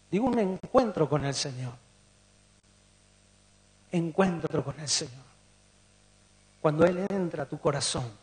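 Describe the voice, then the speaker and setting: A man's voice: on the high side, darkish tone. A man with a Rioplatense Spanish accent preaching a sermon, putting questions to the congregation. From Argentina. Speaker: pastor. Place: church hall. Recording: long church reverb.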